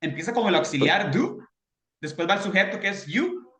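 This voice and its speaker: A man's voice: high voice, very animated, moderate pace, a crowd in the background. Patient male English teacher, roomy sound. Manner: patient, checks in often with students. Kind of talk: explaining grammar to a beginner class.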